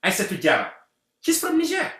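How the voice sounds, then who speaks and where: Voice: mid-range voice, fairly quick. Guest, earnest and rallying, voice swinging widely, roomy echo. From Senegal. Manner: animated, repeats rallying phrases. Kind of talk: earnest community talk.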